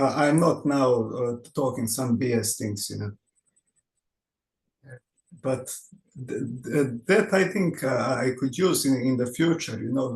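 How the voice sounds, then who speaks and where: Halting Serbian-accented man in an echoey room. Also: medium pitch, gravelly, darkish tone. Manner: halting, searches for words, stammers and repeats himself. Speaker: participant on a group call.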